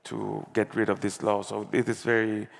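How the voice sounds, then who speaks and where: Man from El Salvador, halting panel answers, gravelly, big reverberant hall. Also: on the low side, flat delivery. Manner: halting, many restarts and fillers. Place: large conference hall. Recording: long reverb of a conference hall.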